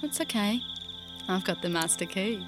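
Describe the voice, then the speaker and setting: A woman's voice: medium pitch, animated, normal speed, music in the background, close to an everyday voice, poor audio. A woman playing a pushy, flirtatious clerk. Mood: flirty. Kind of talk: acted drama dialogue.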